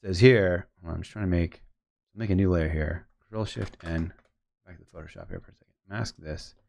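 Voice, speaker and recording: A man with a low-pitched, creaky, darkish voice talks briskly while editing photos. He tells a long, rambling story, retelling conversations with quoted voices and narrating his editing steps aloud as he works.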